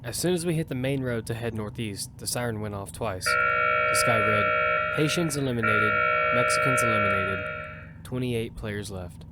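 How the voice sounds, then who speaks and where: A man narrates audio fiction at a moderate pace, his lowish voice moving through big pitch swings. He plays a battle-hardened survivor who leads his team, narrating grimly in first person. The mood is steady, set against background music.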